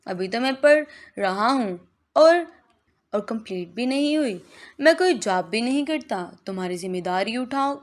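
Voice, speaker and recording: A woman's voice: a little high, lively intonation, lightly acted. A woman reading as a teasing young boyfriend. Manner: teasing, then soothing. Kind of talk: storybook reading.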